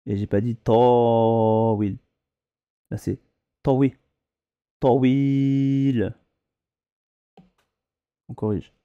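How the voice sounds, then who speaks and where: Slow, mellow-voiced male language teacher. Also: on the low side, steady tone, clean tone, no room sound, muffled recording. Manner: spells words out syllable by syllable and corrects pronunciation. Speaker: Arabic teacher. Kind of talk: slow, patient reading lesson with repetition.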